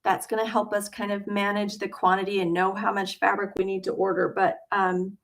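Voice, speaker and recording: A middle-aged woman from Utah hosts a quilting channel, livestreaming casually from her home studio. She speaks briskly at medium pitch with a flat delivery, chatting away and filling her speech with ums and uhs.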